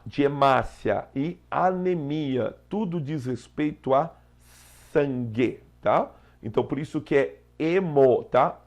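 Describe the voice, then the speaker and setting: A man's voice: medium pitch, vocal fry, a little mellow. A Brazilian Portuguese-speaking man teaching an exam prep lesson, explaining step by step and checking in with "tá?" after each point.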